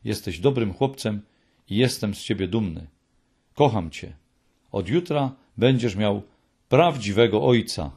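A man voicing a brisk, raised-voice male engineer. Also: slightly rough. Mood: gentle. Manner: energetic, raised pitch. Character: brisk middle-aged male engineer, gruff turned kindly.

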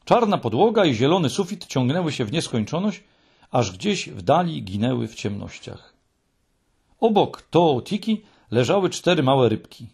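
A man reading a children's story aloud in an expressive, measured way. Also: medium pitch, creaky, breathy edge. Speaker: audiobook narrator.

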